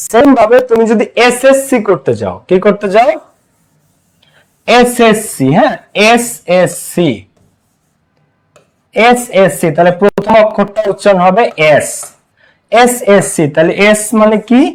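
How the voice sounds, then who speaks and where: A man's voice: high-pitched, normal speed, low-quality recording. A young man from Bangladesh teaching English grammar in a live online class, drilling students with repeated questions and answers.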